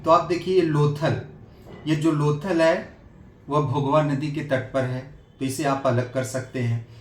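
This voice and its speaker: A man's voice: on the high side, steady tone, unhurried, slight background noise. Earnest male teacher in an echoey room. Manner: earnest, repeats points, frequent hesitation fillers. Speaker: exam-prep teacher and author. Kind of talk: informal exam-prep lesson.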